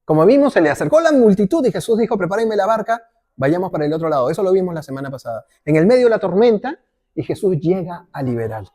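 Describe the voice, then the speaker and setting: A man's voice: high voice, very animated, quick pace, mellow. A male pastor preaching a sermon in a conversational way, often checking in with the congregation and briefly acting out little quotes.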